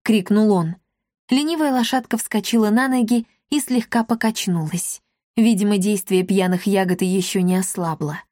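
A woman's voice: medium pitch, moderate pace, dry recording, clean studio sound. Dramatic woman audiobook narrator. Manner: lively, dramatic storytelling. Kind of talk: expressive audiobook reading.

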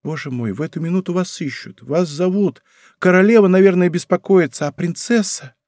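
A man's voice: sits high, fairly quick, a little mellow, no room sound, clean studio sound, pitched above the performer's own voice. Man voicing a timid, frightened young court lady. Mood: pleading. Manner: pleading, anxious, breathless exclamations. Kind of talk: audiobook character reading.

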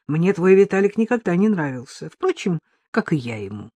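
A woman voicing an excited, loyal male friend calling on the phone in an audiobook, speaking in quick exclamations. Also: fairly low pitch, slightly rough, no room sound. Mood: caring.

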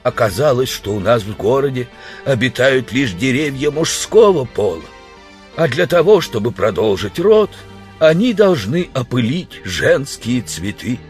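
A man's voice: mid-range voice, very animated, faint music behind, voice pushed up. A man doing a moaning, dying stranger. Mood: weary. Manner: groaning, slow.

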